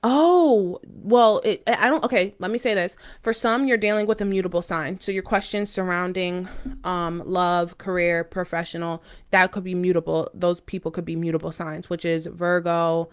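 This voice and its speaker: A woman giving a casual, mystical horoscope and tarot card reading to viewers in a halting, informal way with intuitive asides. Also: lowish voice, little pitch movement, clear, resonant tone.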